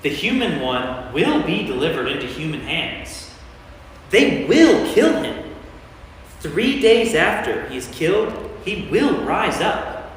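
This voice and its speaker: A man's voice: fairly high pitch, sing-song, slow pace. A man playing a stern, commanding teacher, Jesus, with emphatic delivery in an amateur staged Bible reading. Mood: instructing. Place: large church interior. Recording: echoey church hall from far off, faint noise.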